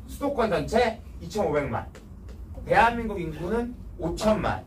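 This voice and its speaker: A man gives a casual classroom history lecture in a slightly higher voice, blunt and full of slang. He keeps firing quick check questions at the class. He is picked up from a distance, with faint noise in the room. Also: sing-song. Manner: blunt, slangy, quizzes students often. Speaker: teacher.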